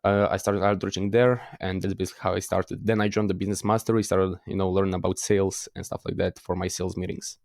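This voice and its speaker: A man's voice: low voice, little pitch movement, fast talker, creaky, hardly any pauses, darkish tone, dry recording, clean studio sound. A teenage man with a Croatian accent, a guest in a casual interview, talking hesitantly with many fillers and restarts. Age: teens. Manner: hesitant, frequent fillers and restarts, laughs at himself.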